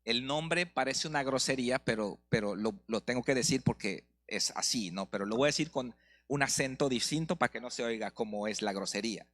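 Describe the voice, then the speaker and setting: A middle-aged man with a Mexican Spanish accent preaching a sermon, asking rhetorical questions and slowing down for emphasis. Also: mid-range voice, fairly bright tone. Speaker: pastor.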